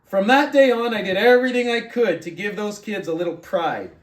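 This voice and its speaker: The recording is echoey and distant-miked, capturing a man with a high voice who talks a little fast. He's an earnest motivational book club host, moving from conversation with listeners to reading aloud and back, with rhetorical "right?" check-ins.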